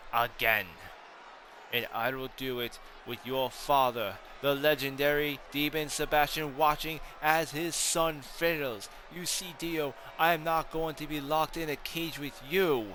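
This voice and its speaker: A man playing an arrogant, boastful wrestling champion who talks down to his challenger with drawn-out emphasis. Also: on the high side, pushed and bright, slight background noise. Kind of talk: hobby wrestling storyline role-play.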